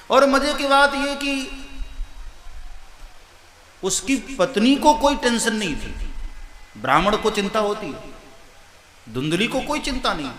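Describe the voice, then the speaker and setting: High bright-voiced male storytelling preacher. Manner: storytelling, voices the characters in dialogue. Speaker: kathavachak. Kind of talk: devotional discourse with humorous storytelling. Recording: echoey hall with faint noise.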